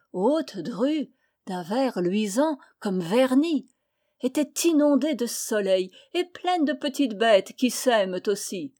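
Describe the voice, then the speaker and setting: A woman with a fairly high voice reads a classic short story aloud. Her delivery is theatrical, dropping to near whispers and rising to bold exclamations as she voices the characters. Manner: theatrical, swings between hushed whispers and loud exclamations. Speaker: reader. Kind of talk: expressive literary reading.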